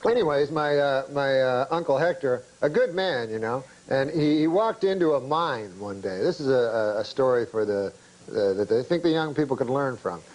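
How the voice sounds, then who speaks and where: A man telling a rambling comic story in a deadpan way, full of stumbles and restarts. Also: medium pitch, normal speed, rough recording. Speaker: comedian guest.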